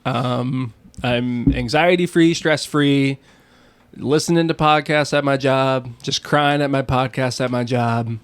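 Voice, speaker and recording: A man's voice: medium pitch, steady tone, slow, clear, resonant tone, dry recording. A man co-hosting a podcast, chatting in a jokey, teasing manner. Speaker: podcast co-host. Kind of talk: casual chat.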